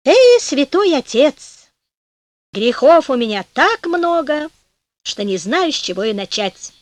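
A woman voicing a sly, flattering peasant rogue who talks in a falsely humble, sing-song way in a storybook. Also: high-pitched, slow, no room sound, studio quality. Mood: wheedling.

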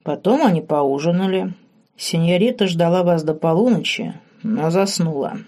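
Woman voicing respectful male butler, calm polite tone, low mellow voice. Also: moderate pace. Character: loyal respectful old-fashioned male butler.

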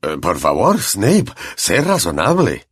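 Huffy, blustering minister read by a male narrator, husky, big swings. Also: sits low, huge pitch swings, takes it slowly, no room sound, clean studio sound, voice pushed down, exaggerated voice. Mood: flustered. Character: flustered, pompous middle-aged male minister.

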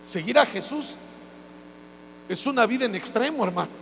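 High-voiced pastor preaching in a hall. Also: male voice, expressive, normal speed, vocal fry. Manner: preaching with joking asides and acted-out quotes. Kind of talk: sermon. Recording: hall reverb with faint mains hum.

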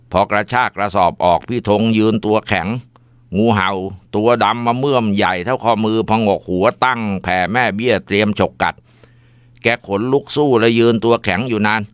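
A man tells a ghost story in a relaxed, informal way, now and then pausing on fillers. His voice is low, smooth and clear, recorded on a close mic in a dry space. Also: no echo.

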